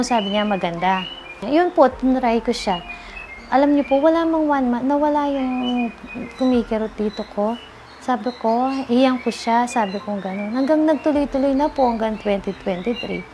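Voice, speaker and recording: A woman giving a soft-spoken, earnest testimonial interview, politely answering an interviewer. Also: fairly high pitch, slight background noise. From Philippines. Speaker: interviewee, cancer survivor. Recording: music bed underneath.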